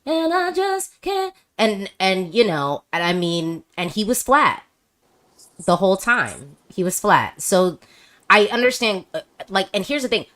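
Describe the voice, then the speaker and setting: A woman's voice: medium pitch, very animated, unhurried, fairly bright tone. A woman hosting a casual video-call chat, talking emphatically with frequent restarts. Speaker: host.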